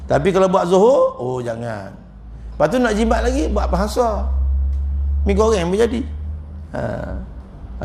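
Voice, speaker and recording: A man's voice: a little high, gravelly, darkish tone, a little hiss or hum. A man with a Malaysian Malay accent giving a humorous religious lecture as a religious teacher, joking and chuckling often as he tells his stories.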